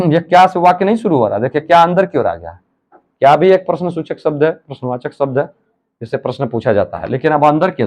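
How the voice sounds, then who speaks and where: A male teacher works through grammar examples, drawing out each word as he dictates sentences for his students to copy. His voice sits at an ordinary middle pitch. The recording is slightly dull and lo-fi. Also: darkish tone. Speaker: English teacher. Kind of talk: classroom grammar lesson.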